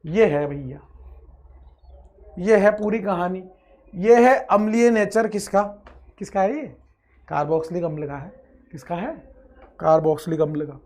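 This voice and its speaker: A man teaching a chemistry lecture with energy and playfulness. He stretches out words, chants repeated phrases, and swings between loud outbursts and quiet asides. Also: sits high, a little slow, long pauses. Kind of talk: online exam-prep lecture.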